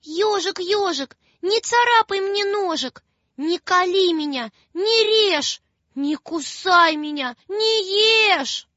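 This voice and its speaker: A woman's voice: animated, slow, a bit bright, no room sound, full character voice. A woman voicing a frightened little girl who cries and pleads in rhyming lines. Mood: pleading. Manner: high, crying, rhyming pleas. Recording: dull lo-fi sound with faint music.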